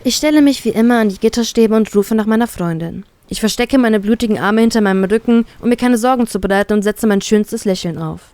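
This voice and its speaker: A woman calmly reading a first-person fanfiction story aloud. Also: medium pitch, quick pace, few pauses, no room sound. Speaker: fanfiction reader.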